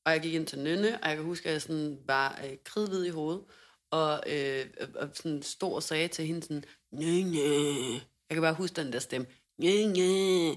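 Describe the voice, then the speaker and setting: A young woman co-hosting a podcast tells a story in casual chat, her low-pitched voice animated. She uses lots of fillers, and laughter runs through her speech.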